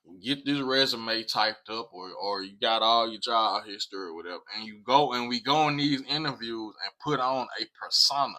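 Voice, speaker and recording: A man's voice: mid-range voice, moderate pace, few pauses, bright, forceful tone, rough recording. An American man talking casually to viewers in an emphatic way, repeating phrases and swearing freely. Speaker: vlog host.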